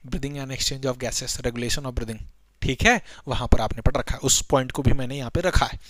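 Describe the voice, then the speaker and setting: A man's voice: high voice, a bit bright, clean tone, dry recording. A man teaching a biology exam-prep lecture, chatty, asking students questions and answering them himself. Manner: chatty, asks students questions then answers them, uses memory tricks.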